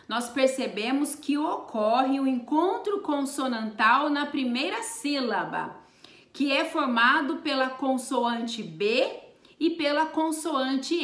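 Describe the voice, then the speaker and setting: Slow, bright-voiced woman teaching grammar. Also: high voice, roomy sound. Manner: spells out letters and stresses example words. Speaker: Portuguese teacher. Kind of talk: slow, deliberate grammar lesson.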